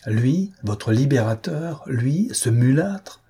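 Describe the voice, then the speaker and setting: A man voicing a jealous, furious young marquis who shouts in rage and scorn. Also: medium pitch, moderate pace, husky, natural voice.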